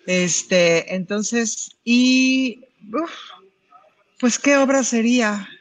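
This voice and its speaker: A woman's voice: a little high, extremely slow. A woman with a Mexican accent, a panelist on a talk show, joking and playful in casual banter.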